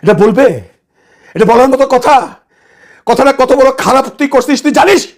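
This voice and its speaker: A man giving heated online political commentary. He lets loose a scornful, shouting tirade and mixes English words into his speech. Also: very high-pitched, animated, moderate pace.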